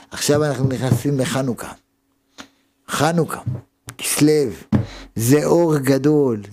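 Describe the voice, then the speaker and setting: A man's voice: medium pitch, darkish tone, slight background noise. A man, a rabbi, giving a sermon with emphatic delivery and many rhetorical questions.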